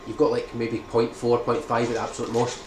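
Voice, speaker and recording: Briskly and at a medium pitch, a speedrun guide maker talks through his tutorial, explaining each step and checking in with "right?". His commentary sounds roomy and echoey, with a steady hiss of noise underneath.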